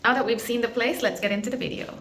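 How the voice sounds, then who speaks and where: A woman's voice: fairly high pitch, fairly even intonation, fast talker, a bit bright. A woman in her thirties from Finland, chatting earnestly to camera in an apartment, with fillers. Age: 30s. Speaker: vlogger and Airbnb host. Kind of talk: casual vlog talk to camera. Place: apartment indoors.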